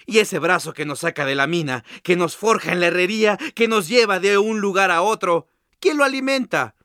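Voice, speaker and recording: A proud lump of forge coal calls out its rhetorical questions, put on by a man. The voice is pushed high and bright. The reading is dry and close. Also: normal speed, no echo. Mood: exclaiming. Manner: exclaiming, rhetorical. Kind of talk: storybook narration.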